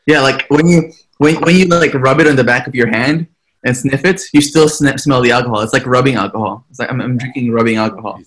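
A man co-hosting a casual podcast, a bit hesitant and quick to laugh, on a video call. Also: mid-range voice, a bit bright, rough recording. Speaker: podcast co-host.

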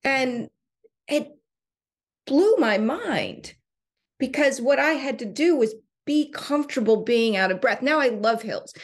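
Higher-voiced woman telling stories. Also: measured pace. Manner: storytelling, animated, laughs often. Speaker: podcast co-host and coach. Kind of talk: casual podcast chat.

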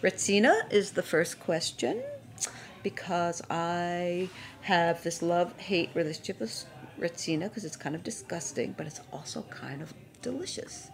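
A woman's voice: fairly low pitch, lively intonation, unhurried. A woman who is a cake designer, chatting as a guest on a radio show in a playful, enthusiastic way. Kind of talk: casual radio interview chat.

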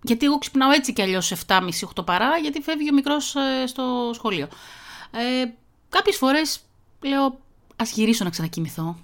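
Fast-talking chatty Greek woman. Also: sits high, fairly bright tone. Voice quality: fast-talking, self-mocking, laughs easily. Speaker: podcast host. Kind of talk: casual chat reading an article.

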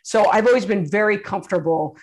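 A woman executive giving conversational interview answers as a guest, somewhat halting as she works through her points. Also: medium pitch, a little mellow, rough recording.

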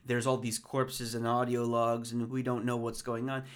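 A man co-hosting a movie podcast in casual chat, excitable and ranting, swearing freely. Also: medium pitch, moderate pace, smooth. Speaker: podcast co-host.

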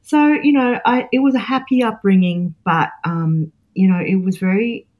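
Talking as a guest in a reflective interview, an Australian-accented chef and cookbook author in her forties speaks at normal speed and medium pitch, the highs cut off. She's thoughtful, full of fillers and restarts.

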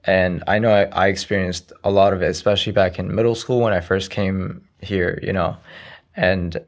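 Around twenty years old, this Iraqi interview guest, a native Arabic speaker, talks casually in a low voice with a gravelly edge at normal speed. His intonation stays fairly even, and he answers softly and hesitantly, often saying "you know."

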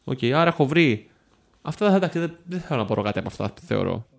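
A man's voice: mid-range voice, big pitch swings, creaky. A man playing a mystery game as a guest, thinking aloud and asking curious questions about the room. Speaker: player guest.

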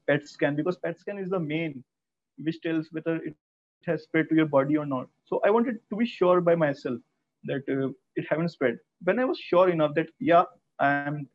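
Young male, North Indian accent, fairly high voice, halting interviewee recounting personal experience, thin telephone-grade audio. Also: dry recording. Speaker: interview guest, cancer survivor. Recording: thin, phone-like call audio.

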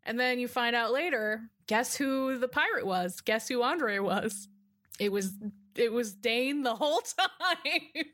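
A woman co-hosting a podcast in casual chat, animated, laughing often and swearing freely, recorded over a Skype call. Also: a little high, unhurried. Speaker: podcast co-host.

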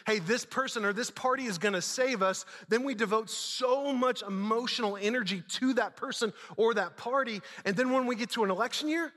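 A man's voice: sits high, fairly bright tone. A man preaching a conversational church sermon in informal, slangy wording, emphatic, with repeated phrases and rhetorical questions. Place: large reverberant indoor church space. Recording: hall reverb on the voice.

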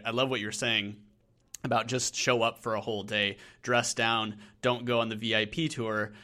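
A male podcast host with a fairly low voice and a bright, clear edge to it. He thinks out loud in long, loose sentences and keeps checking in with his guest. The tone is casual and conversational. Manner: reflective, talks in long rambling sentences with "right?" checks. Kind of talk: casual interview chat.

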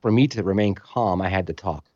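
Low-voiced man telling an animated story. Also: brisk, dry recording, lo-fi sound. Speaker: storytelling guest musician. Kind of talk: casual storytelling conversation.

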